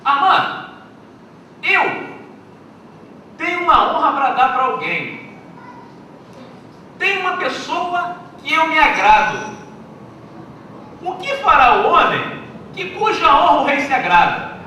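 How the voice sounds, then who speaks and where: A man's voice: extremely high pitch, very animated, takes it slowly, pauses often, sharp tone, a little hiss or hum, pitched above the performer's own voice, heavily acted. A preacher doing a commanding ancient king. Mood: questioning. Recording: echoey hall from far off.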